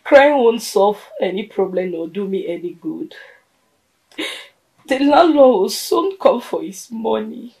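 A woman's voice: a little high, lively intonation, unhurried, gravelly, a little mellow. An actress with a Nigerian accent playing a desperate woman praying aloud and sighing. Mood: despairing. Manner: sighing, despairing prayers. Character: desperate woman facing rent and hunger.

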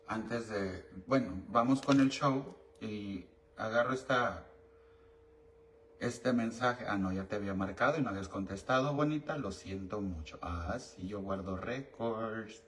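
This call-in show host and esoteric advisor speaks at a measured pace in a fairly low voice with a Mexican accent. His banter with callers is brash, teasing, campy, and bawdy, and the distant-mic recording carries roomy echo and faint noise.

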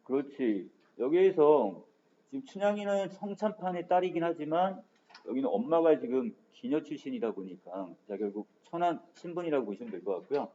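A man's voice: on the high side, animated, brisk, dark tone, a little hiss or hum. A male literature teacher giving an online exam-prep lecture in a casual manner, starting sentences with frequent filler words, in a dull lo-fi recording.

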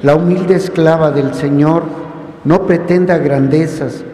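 A man reads the petitions at Mass in a steady, formal recitation. His voice is mellow and slightly raised in pitch. It echoes around a large church, with a long reverb and faint room ambience behind it. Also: a little slow, a little hiss or hum. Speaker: reader of the prayers of the faithful. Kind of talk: liturgical reading.

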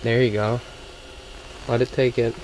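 A man's voice: medium pitch, level tone, measured pace, a little mellow, a little hiss or hum. A young man hosting a casual fishing vlog, upbeat and coaching his cousin with short repeated cheers, recorded on an action camera inside a small ice shelter. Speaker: outdoors channel host.

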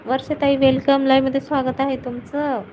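Woman, high voice, flat delivery, casual live-stream host, playful greetings, faint background hum. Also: a little fast, low-quality recording. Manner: greets viewers by name, playful teasing.

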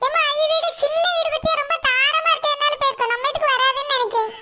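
A woman doing a squeaky earnest village boy. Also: steady tone, fast talker. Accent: Tirunelveli Tamil. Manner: earnest, asking. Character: young village boy, dutiful son. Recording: loud hiss behind voice.

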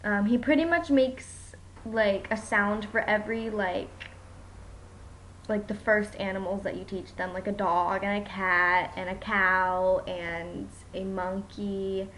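A tired young mom chatting slowly into her camera at home, her toddler nearby. She rambles along with plenty of ums and likes in an unhurried, easy way. A faint background hiss sits under her voice. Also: mid-range voice, fairly even intonation, a bit bright, low-quality recording. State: tired from poor sleep. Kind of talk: casual home vlog update.

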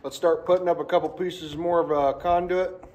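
A man's voice: fairly high pitch, steady tone, a little fast, darkish tone. A man in his thirties explaining his electrical work in a matter-of-fact way while he works inside a large pole barn. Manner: plain, practical, matter-of-fact. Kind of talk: casual explanation while working. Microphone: phone camera held nearby. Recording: noisy barn ambience.

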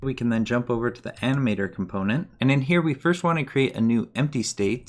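Man, fairly low voice, methodical, screen-recorded tutorial voice-over. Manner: methodical step-by-step explanation. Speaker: game development tutor.

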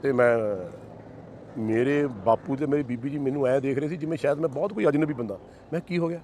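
A man's voice: mid-range voice, a little fast, mellow, a little hiss or hum. A middle-aged man giving an emotional personal testimony to an interviewer, fervent and devotional, piling up repeated phrases. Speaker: interview guest.

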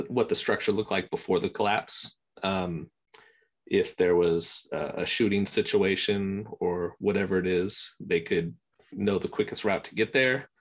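A man talks in a low, deep voice over a video call. He rambles in a relaxed, casual way, filling his speech with ums and you knows. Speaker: interview guest, scanning service provider. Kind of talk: casual conversation.

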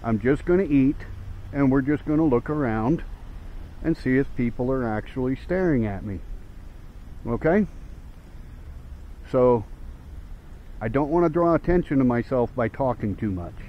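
A man's voice: mid-range voice, lively intonation, unhurried, long pauses. A man speaking without teeth or dentures, hosting a casual video outdoors in a parking lot. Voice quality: toothless speech, no dentures in. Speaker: video host. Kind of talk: casual talk to camera. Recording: dull lo-fi outdoor recording, traffic noise.

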